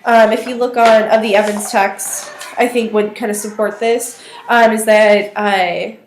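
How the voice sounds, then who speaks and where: A woman in her twenties records a casual vlog response in a roomy, echoey office on a webcam mic. Her voice is weak and thin, at a middling pitch. She sounds tentative, working out her thoughts as she goes. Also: fairly even intonation, measured pace, a little hiss or hum. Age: 20s. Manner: hesitant, tentative, thinking aloud. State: weak voice today. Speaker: student vlogger. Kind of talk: casual spoken video response to a classmate. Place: small indoor office or study. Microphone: webcam or laptop microphone at arm's length.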